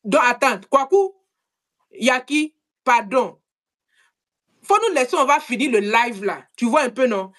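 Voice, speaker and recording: Animated woman hosting a live stream. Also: fairly high pitch, unhurried, pauses often. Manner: animated, repetitive, addresses viewers directly. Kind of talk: casual live-stream chat.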